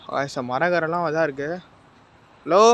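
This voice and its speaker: A man's voice: fairly high pitch, steady tone, a little slow, fairly bright tone. A man vlogging a night-time ghost hunt, tense and fearful, calling out to unseen spirits as he films. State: nervous and jittery.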